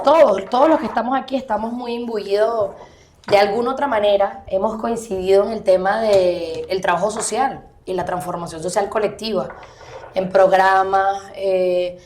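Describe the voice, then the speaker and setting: A woman hosting a podcast, chiming in with quick playful remarks. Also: mid-range voice, darkish tone. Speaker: podcast host. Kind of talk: casual podcast conversation. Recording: roomy echo with faint noise.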